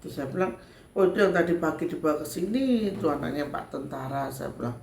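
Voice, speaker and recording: Gravelly Javanese woman telling a story. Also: low voice, lively intonation, fast talker, a little mellow, slight background noise. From Sragen, Central Java, Indonesia. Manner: chatty, loops back with filler tags. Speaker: spiritual medium vlogger. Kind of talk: casual storytelling to viewers. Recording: echoey room with faint background ambience.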